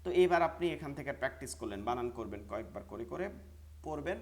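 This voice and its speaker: A man's voice: medium pitch, animated, fast talker, a little mellow, a little hiss or hum. A man teaching a Quran reading class online, patiently drilling syllable spellings aloud over a video call.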